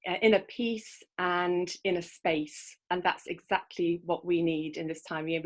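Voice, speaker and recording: A woman hosting a guided relaxation session, talking informally in a gentle, unhurried, soothing manner. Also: lowish voice. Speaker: host of guided colour visualisation sessions.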